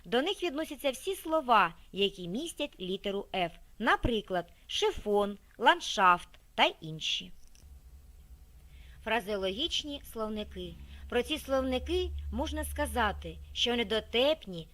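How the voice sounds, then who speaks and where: A woman narrating a scripted library video, reading in a measured, expressive way with careful pauses between listed words. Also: a little high.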